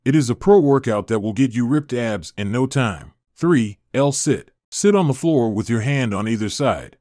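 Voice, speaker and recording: A man reading a scripted narration about exercise in an even, informative way. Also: medium pitch, moderate pace, no echo, studio quality.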